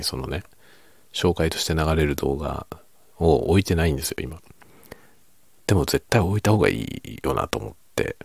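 Guy talking real quiet at night, super low gravelly voice, casual chat, close dry mic. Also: no room sound. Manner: quiet, hushed low-volume talking as if at night, drifting into whisper. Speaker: video creator and host. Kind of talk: late-night casual soft-spoken chat.

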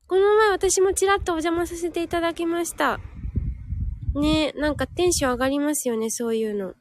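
Woman, live audio host; high voice, chatty, reads listener comments aloud and corrects herself as she goes; dry, close recording. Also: dry recording. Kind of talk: casual live chat reading listener comments.

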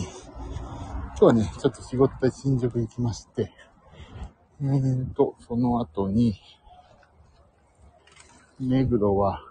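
A man hosting a casual live stream on his phone as he walks home, talking quietly and a little out of breath. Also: medium pitch, a little hiss or hum, low-quality recording. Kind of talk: casual live-stream chat while walking. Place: outdoors, walking home from the station. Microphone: phone mic.

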